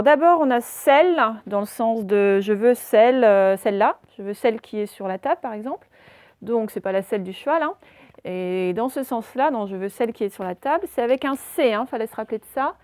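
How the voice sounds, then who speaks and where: Teacher lady, kinda high voice, going slow letter by letter, dry close sound. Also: lively intonation, a little mellow, no echo. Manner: slow, spelling out words letter by letter. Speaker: primary school teacher. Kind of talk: dictation lesson.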